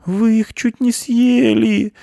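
A man's voice: very high voice, little pitch movement, takes it slowly, creaky, dark tone, no echo, studio quality, pitched above the performer's own voice, full character voice. A man voicing a timid, tearful young male mouse who pleads anxiously. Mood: distressed.

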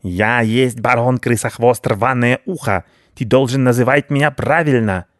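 A man's voice: mid-range voice, moderate pace, no room sound, studio quality, voice pushed up, close to an everyday voice. A man voicing a pompous, vicious male rat baron who talks in broken grammar, for a storybook reading. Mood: haughty. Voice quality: broken grammar, haughty and blustering.

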